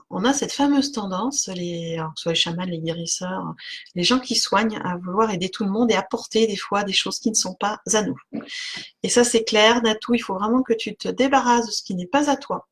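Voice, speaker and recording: A woman giving an oracle card reading on a live stream, chatting with viewers by name, with lots of fillers and little laughs. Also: medium pitch.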